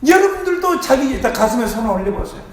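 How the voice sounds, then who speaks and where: A man preaches with fervor, leading the congregation to repeat his lines. His high voice swings widely in pitch. It rings out in a very echoey church hall with faint background noise. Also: very animated, quick pace, a loud crowd. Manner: impassioned preaching, leads call-and-response. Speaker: pastor. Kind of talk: sermon.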